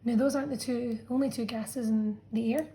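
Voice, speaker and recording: A woman's voice: a little high, steady tone, fairly quick, mellow, low-quality recording. A woman science teacher talking students through a revision lesson, explaining patiently and checking in with "okay" as she goes. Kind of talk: revision lesson narration over a drawn diagram.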